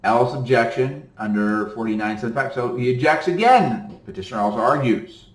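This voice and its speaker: A man's voice: mid-range voice, animated, brisk, echoey room, rough recording. A male attorney casually teaching retirement-account law, reading passages from a court ruling aloud and breaking off to explain them, with frequent "okay?" checks and a slightly tired voice. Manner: reads legal text then breaks off to explain, with frequent "okay?". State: voice tiring.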